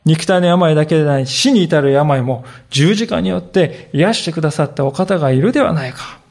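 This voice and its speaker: A man delivers a sermon as a pastor, with a somewhat high voice roughened by gravelly fry. His storytelling is earnest and animated. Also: brisk.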